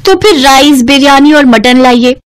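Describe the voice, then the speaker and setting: A woman's voice: high voice, moderate pace, no room sound, close to an everyday voice. A woman doing a whiny, always-hungry young wife. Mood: whiny demanding. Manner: whiny, demanding. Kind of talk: cartoon story voice acting.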